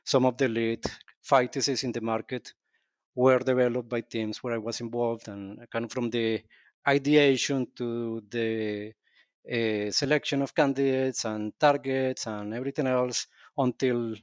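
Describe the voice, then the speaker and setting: A man from Colombia, a podcast guest speaking in a thoughtful, measured way with some restarts. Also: medium pitch, steady tone, clear, resonant tone, no room sound, clean studio sound. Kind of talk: podcast interview.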